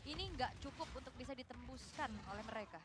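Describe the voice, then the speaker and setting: A woman's voice: high-pitched, animated, fast talker, background noise. A woman working as co-commentator, analysing a live esports match.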